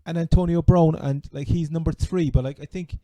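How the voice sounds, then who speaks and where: A man with a Cork Irish accent chatting casually as a sports podcast host, halting and repeating words as he goes. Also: on the high side, fairly even intonation, mellow, no room sound. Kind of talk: casual fantasy American football chat.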